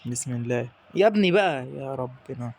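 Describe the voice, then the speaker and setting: A young man with an Egyptian Arabic accent giving excitable, exasperated commentary over his own football gameplay. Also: medium pitch, fairly quick. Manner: excitable, exasperated, talks to the players on screen. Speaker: gaming YouTuber.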